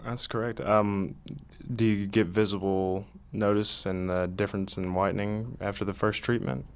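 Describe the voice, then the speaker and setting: Polite, low-voiced man with an Arkansas accent. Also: fairly even intonation, normal speed, clear, resonant tone. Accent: Southern American, Arkansas. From Arkansas, USA. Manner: polite, agreeable. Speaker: radio show guest. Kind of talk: casual interview chat.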